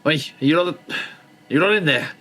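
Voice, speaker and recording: Man putting on a raised-pitch, chummy fantasy warden. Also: moderate pace, sharp tone. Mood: calling out. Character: plucky, familiar-toned fantasy warden adventurer, male. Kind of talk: tabletop game role-play.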